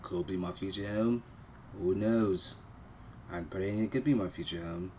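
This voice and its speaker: Guy with a real low voice reacting to clips, blunt and mocking, bit of hiss behind. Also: unhurried, darkish tone. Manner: blunt, mocking, repeats himself. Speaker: reaction video host. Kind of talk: casual reaction commentary.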